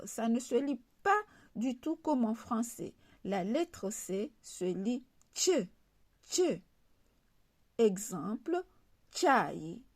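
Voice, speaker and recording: Female teacher, calm and slow-paced, spells out letters and repeats sample words. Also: fairly high pitch. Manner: patient, repeats example words. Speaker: language teacher. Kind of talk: slow spoken alphabet lesson.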